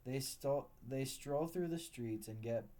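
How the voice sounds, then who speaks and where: A man reading a story aloud at a steady, unhurried pace. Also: medium pitch. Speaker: narrator.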